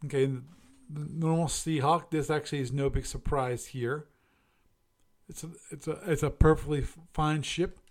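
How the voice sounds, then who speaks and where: A man with a fairly high, slightly mellow voice and fairly even intonation talks at a normal speed. As a podcast host on a casual solo show, he chats and reviews while thinking aloud and correcting himself.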